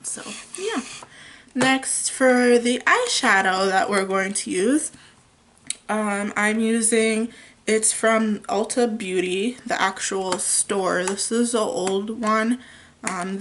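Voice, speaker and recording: A young woman at home, chatting through a makeup tutorial in a casual, unhurried way with frequent ums. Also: mid-range voice, a bit bright, slight background noise. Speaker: beauty vlogger.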